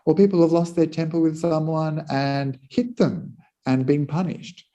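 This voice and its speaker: A Buddhist monk giving a dharma talk, telling a teaching story in a calm way. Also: male voice, fairly high pitch, measured pace.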